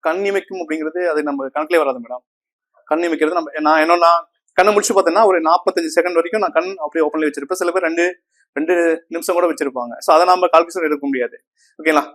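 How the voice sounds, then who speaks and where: A man with a somewhat high voice teaches grammar to a classroom of students. He repeats each term and keeps checking whether the class is following. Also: fast, fairly bright tone. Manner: asks the class frequent checking questions; repeats terms and counts on fingers.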